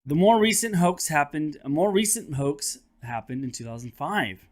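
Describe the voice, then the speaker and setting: A third-grade teacher reads a children's nonfiction book aloud, speaking straight to his young listeners. His voice is fairly high and his speed normal, with an expressive, teacherly delivery.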